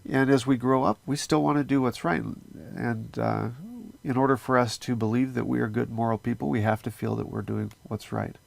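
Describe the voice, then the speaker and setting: A man's voice: mid-range voice, fairly even intonation, moderate pace, creaky, no echo. A man giving an earnest, conversational scripture lesson, with fillers as he explains. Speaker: religious teacher. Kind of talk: casual scripture teaching.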